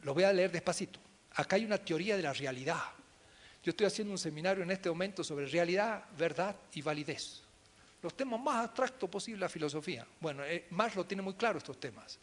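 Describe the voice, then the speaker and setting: A man lecturing on philosophy to a class. He talks emphatically, swings between loud stresses and quiet asides, and speaks straight to his listeners. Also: high voice, animated, brisk. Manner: addresses the class directly.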